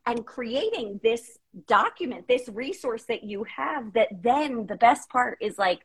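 Husky-voiced woman telling candid stories. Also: fairly high pitch, measured pace, poor audio. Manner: candid, animated storytelling with many "like" fillers. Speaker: podcast guest. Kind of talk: casual chat.

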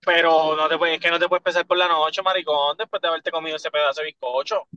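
A man's voice: a little high, steady tone, fast talker, pushed and bright, clear, resonant tone, no echo, dull audio. A man, co-hosting a casual chat, teasing and swearing freely. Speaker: podcast co-host.

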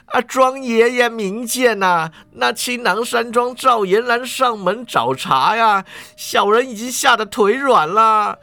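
A man's voice: very high voice, creaky, pushed and bright, dry recording, pitched above the performer's own voice, heavily acted. A man storytelling a wuxia tale, voicing a cowardly, fawning male fake immortal who whines and pleads. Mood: pleading. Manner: whining, pleading, drawn-out.

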